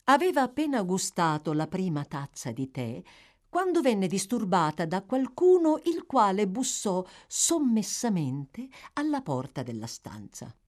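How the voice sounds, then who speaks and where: A woman's voice: mid-range voice, sing-song, measured pace. A woman narrating a classic novel aloud as an audiobook reader, with dramatic phrasing that lingers on words.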